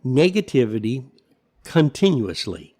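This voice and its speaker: A man's voice: medium pitch, big pitch swings, unhurried, a little mellow. An older man with an American accent rambles through a back-in-my-day political rant, opinionated and sardonic, throwing in rhetorical questions. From United States. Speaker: commentator. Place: kitchen at home.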